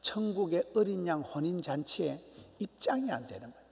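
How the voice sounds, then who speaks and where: Gravelly, animated preacher in a hall. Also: male voice, sits high, fairly quick. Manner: emphatic, swings between loud cries and hushed near-whispers. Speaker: pastor. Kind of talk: sermon. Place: church sanctuary. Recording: long church hall reverb.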